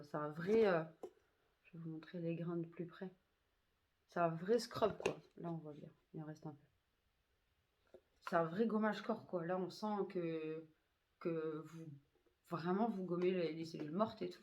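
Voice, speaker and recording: Low-voiced woman chatting about products. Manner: chatty, many hesitations and fillers. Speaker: beauty vlogger. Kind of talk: casual product review.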